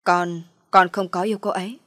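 A woman's voice: lowish voice, steady tone, normal speed, fairly bright tone, no echo, clean studio sound, close to an everyday voice. A woman voicing a polite, gullible young man who stammers and speaks earnestly.

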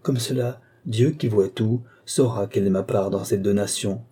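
A man's voice: fairly low pitch, moderate pace, dark tone, slightly rough. A man voicing a scheming, pious noblewoman who pleads emotionally, as in a read-aloud storybook. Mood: pleading.

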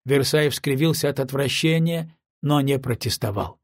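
A man narrating a novel in steady, scripted storytelling. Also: mid-range voice, normal speed, no room sound, clean studio sound. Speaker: audiobook narrator.

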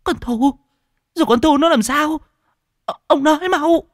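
A man voicing an old countrywoman who is a devoted, tearful wife, crying out in a high, wailing voice. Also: sing-song, unhurried, dry recording, studio quality. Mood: anxious.

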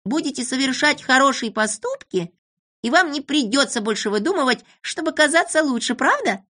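A storybook reader voicing a kind little girl who gently coaxes and comforts. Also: high voice, lively intonation, normal speed, pitched above the performer's own voice. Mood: coaxing. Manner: soft, coaxing, persuasive.

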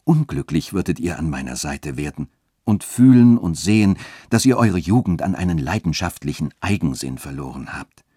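A man voicing a young widow who reasons calmly and gently but stays firm. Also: deep voice, moderate pace, husky, no room sound, clean studio sound. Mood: gently reasoning.

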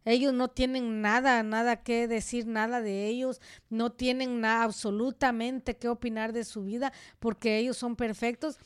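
A woman from Central America with a Central American Spanish accent, co-hosting a casual radio chat and telling stories in an outspoken, animated way. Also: fairly high pitch, moderate pace, hardly any pauses, clean tone. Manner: outspoken, animated storytelling with asides. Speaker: radio co-host. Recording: studio radio microphone.

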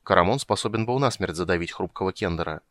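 A man narrating a fantasy audiobook with expressive storytelling. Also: sits low, fast, no echo. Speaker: audiobook reader. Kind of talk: scripted narration.

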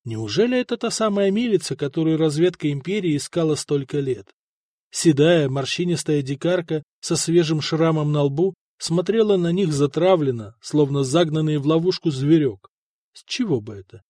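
A man narrating a historical novel as an audiobook in an even, measured reading. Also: fairly high pitch, dry recording, clean studio sound.

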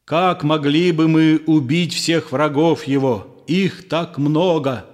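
A man voicing a sullen, quick-tempered disciple who answers bluntly, in a storybook reading. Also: on the high side, fairly even intonation, voice pushed up. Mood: angry. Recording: long room reverb.

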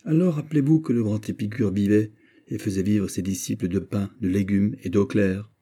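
A man's voice: lowish voice, fairly quick, dark tone, husky. A man voicing a cautious, earnest scholar who raises worried objections in an audiobook. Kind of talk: audiobook character voice.

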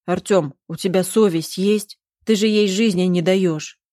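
A woman's voice: lowish voice, unhurried, dark tone, dry recording, studio quality, lightly acted. A woman voicing a worried young man who urgently scolds a friend. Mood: alarmed. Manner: urgent, reproachful.

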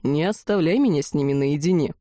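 A woman voicing a shy young male mage with a deep bass voice, speaking quietly. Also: fairly quick, dry recording, studio quality, close to an everyday voice. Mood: uneasy. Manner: quiet and uneasy.

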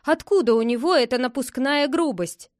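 A strict father in a storybook, put on by a woman narrator, scolding sharply and loudly. His voice stays close and dry, with no room around it. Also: high voice, normal speed, no echo, voice pushed up, lightly acted. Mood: indignant. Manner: stern, scolding. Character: stern, angry adult father.

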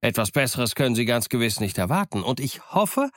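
A man voicing a cunning, blustering pirate leader on a crutch, loud and threatening, in an audiobook reading. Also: mid-range voice, very animated, fairly quick, no room sound, studio quality, voice pushed up, close to an everyday voice. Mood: menacing.

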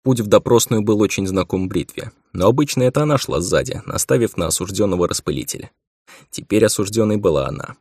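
Man narrating an audiobook, calm and measured, gravelly, dry close sound. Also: fairly low pitch, no echo. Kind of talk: scripted narration.

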